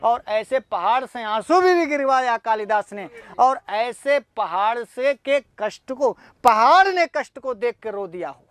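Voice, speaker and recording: A man's voice: very high voice, expressive, a little slow, few pauses, a bit bright, smooth, no room sound. A man teaching a class, lecturing emphatically with many rhetorical questions, in a classroom with students. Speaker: Sanskrit teacher.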